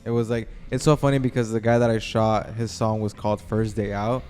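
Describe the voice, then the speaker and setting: A man's voice: fairly low pitch, level tone, fairly quick, darkish tone, faint music behind. A young man co-hosting a casual podcast, rambling with stammered restarts and plenty of fillers. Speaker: podcast co-host. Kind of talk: casual chat.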